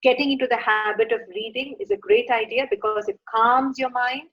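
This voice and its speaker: A woman's voice: fairly high pitch, fairly even intonation, brisk. A middle-aged woman from India giving earnest advice to parents in a workshop talk, with frequent fillers. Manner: earnest and advising, with frequent uh and you know. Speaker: founder of a children's reading program, workshop speaker. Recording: dull lo-fi sound.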